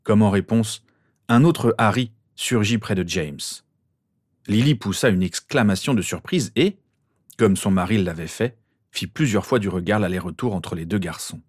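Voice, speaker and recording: Male audiobook reader, low voice, steady delivery, dry recording. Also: normal speed, no room sound. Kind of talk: audiobook narration of fan fiction.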